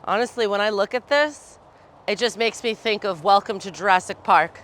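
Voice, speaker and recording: A woman's voice: medium pitch, normal speed, fairly bright tone. A woman chatting casually as a companion in an outdoor vlog on a trail, with traffic in the background. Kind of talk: casual chat. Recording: outdoor recording with faint traffic noise.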